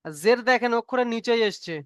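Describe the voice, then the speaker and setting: A man with an extremely high, fairly bright voice talks fast, his tone clear and resonant, captured in a dry, studio-quality recording. Acting as a Quran teacher, he runs an online Arabic reading lesson, patiently repeating every point and frequently asking whether the class understands.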